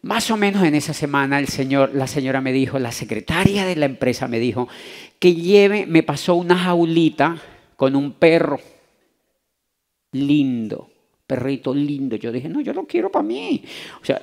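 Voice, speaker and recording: A man from Latin America telling an animated personal story to a convention audience, acting out the voices in it. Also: mid-range voice. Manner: animated, acts out voices in his anecdotes. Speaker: motivational speaker. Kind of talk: storytelling talk to a live audience. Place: convention hall.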